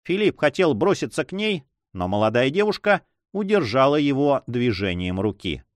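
A man narrating an adventure audiobook with an expressive reading. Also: mid-range voice, moderate pace, dry recording, clean studio sound.

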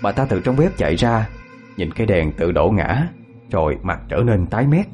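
A man narrating a ghost story in an expressive storytelling manner. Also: on the low side, moderate pace, faint music behind.

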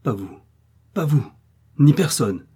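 Guy reading as a bossy innkeeper's wife, raised voice, dark husky tone, storybook. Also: lowish voice, fairly even intonation, moderate pace. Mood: severe. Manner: commanding, scolding. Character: stern, formidable innkeeper's wife.

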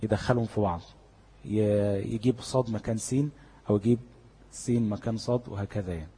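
Husky Egyptian male tajweed teacher. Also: fairly low pitch, steady tone, brisk, warm tone, big-room sound. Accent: Egyptian Arabic. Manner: explains step by step, asking and answering his own questions. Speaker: Quran recitation teacher. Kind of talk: classroom lecture on tajweed.

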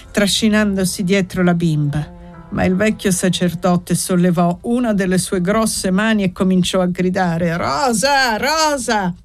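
A woman narrating a classic novel in a calm, even storytelling manner. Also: lowish voice. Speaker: audiobook narrator. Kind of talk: scripted narration.

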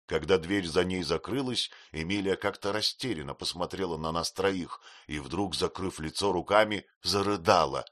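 A man's voice: low voice, moderate pace, hardly any pauses, a bit bright, no echo, studio quality. A man narrating a classic novel as an audiobook, telling the story expressively. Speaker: audiobook reader. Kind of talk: scripted narration.

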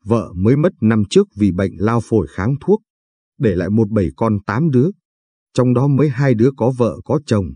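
A man narrating a late-night audio story in a calm, measured way. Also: lowish voice, slightly rough, no echo.

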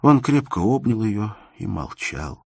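Deep male narrator, measured expressive literary reading, dry close mic. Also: creaky, slightly rough, no room sound. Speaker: audiobook narrator.

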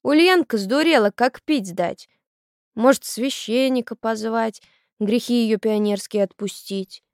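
Shrill, squawking old granny who scolds, a woman puts her on; dry close read. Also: a little slow, no echo. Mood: scolding. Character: old village grandmother, pious and scolding. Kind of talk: audiobook character voice.

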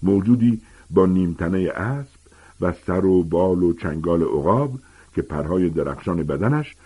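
A man narrating an audiobook with expressive storytelling. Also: sits low, husky. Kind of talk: audiobook reading.

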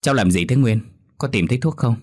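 A man's voice: mid-range voice, animated, fast talker, darkish tone, pitched above the performer's own voice, natural voice. A man voicing a worried, hard-working widowed aunt in a horror audiobook.

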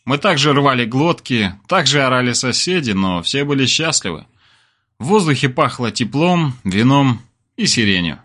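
Lively male audiobook narrator. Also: mid-range voice, moderate pace. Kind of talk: first-person audiobook narration.

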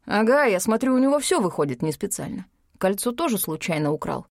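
A woman's voice: mid-range voice, sing-song, a little fast, no echo, clean studio sound. A woman voicing a stern, bossy older brother who talks coldly and commandingly, in an audiobook. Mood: skeptical. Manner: cold and commanding.

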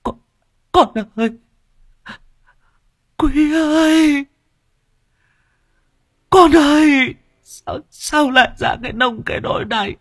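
Guy doing a sobbing mother wailing, high shrill voice, drawn out. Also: slow, long pauses, dry recording, clean studio sound, exaggerated voice. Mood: wailing grief. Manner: shrieking wails, shouting. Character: grief-stricken village mother, wailing.

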